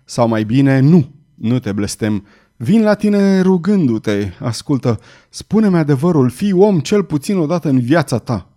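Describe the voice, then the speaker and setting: A man voicing a stern hooded cardinal with a lowered, hoarse voice, harsh and commanding, in an audiobook reading. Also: natural voice. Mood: anguished. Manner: harsh, commanding, rising to loud outbursts. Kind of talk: audiobook character voice.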